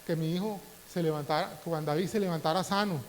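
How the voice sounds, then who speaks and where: A high-pitched middle-aged man from the Dominican Republic preaching in a church with a long reverb tail. His sermon swings between calm storytelling and fervent raised passages, with a faint hiss under the recording. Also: fast. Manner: preaching with emotional swings, voice rising in prayer. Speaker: pastor. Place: church hall.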